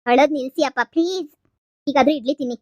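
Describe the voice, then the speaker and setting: A woman's voice: sits high, fast, no echo, lo-fi sound, close to an everyday voice. A woman voicing a young village daughter who scolds and lectures her father. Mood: coaxing. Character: young village daughter, sharp-tongued and wise.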